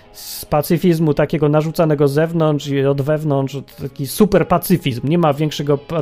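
A man's voice: fairly high pitch, mellow. Sarcastic Polish-talking radio host man. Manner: sarcastic, mocking, with exclamations. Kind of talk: opinionated radio monologue.

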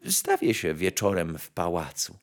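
A man voicing a gentle, modest little nightingale in a storybook reading, speaking low and quietly. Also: sing-song, normal speed, gravelly, full character voice.

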